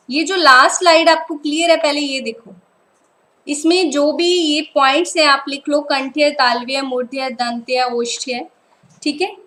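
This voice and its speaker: A woman's voice: high-pitched, sharp tone, poor audio. A woman teacher, giving an online lecture over slides and patiently checking that students follow. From Punjab, India. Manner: patient, keeps repeating "ठीक है" to check understanding.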